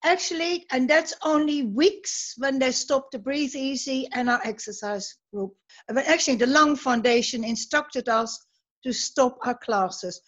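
Older woman, lively and high old voice, interviewee on a slightly muffled online call. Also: unhurried. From Netherlands. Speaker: exercise group member being interviewed. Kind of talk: interview over a video call. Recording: dull muffled call audio.

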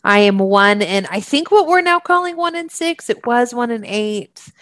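A woman's voice: fairly high pitch, animated, moderate pace, a bit bright, dry recording. A woman hosting a podcast as a therapist, talking in an earnest, chatty way with many fillers. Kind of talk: conversational podcast monologue.

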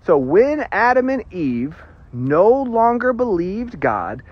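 Male preacher, high and lively, husky, casual teaching tone with jokes, dull lo-fi recording. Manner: animated, joking asides, emphatic pauses. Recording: dull lo-fi sound.

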